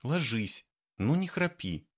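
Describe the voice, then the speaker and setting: A man putting on a high-voiced scolding woman, cross and snappy, for an audiobook. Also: sing-song, slow. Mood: irritated. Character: grumpy sharp-tongued woman, touchy.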